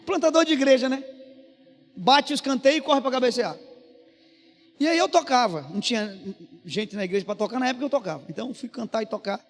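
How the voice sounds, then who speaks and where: A man's voice: extremely high pitch, fairly quick. A Brazilian man preaching a sermon, telling a personal story in an earnest, conversational way. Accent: Brazilian Portuguese. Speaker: pastor. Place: church. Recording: reverberant church hall with music behind.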